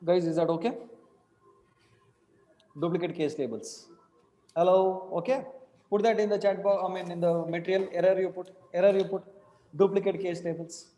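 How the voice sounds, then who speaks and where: A man's voice: sits high, fairly even intonation, moderate pace, long pauses, dark tone. A young man with an Indian accent teaching an online class, informally, repeating instructions and checking with questions. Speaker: programming teacher. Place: small indoor room. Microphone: computer mic on a video call. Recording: echoey, reverberant room.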